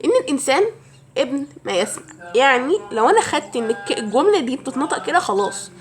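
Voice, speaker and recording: A woman's voice: high voice, big pitch swings, fast talker, soft background music. A young woman with an Egyptian Arabic accent, giving chatty language-learning advice straight to her viewers as if to a friend. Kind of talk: casual advice vlog.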